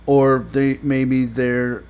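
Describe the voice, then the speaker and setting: A man giving a casual spoken review, rambling and halting with many fillers and restarts, blunt and critical. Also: medium pitch, little pitch movement, a little mellow, clean tone. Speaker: show reviewer.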